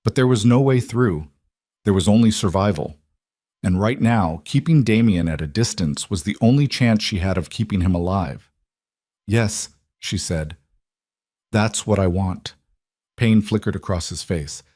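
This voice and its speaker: A man's voice: fairly low pitch, lively intonation, moderate pace, darkish tone, dry recording, studio quality. A man reading scripted dramatic narration in terse, clipped sentences.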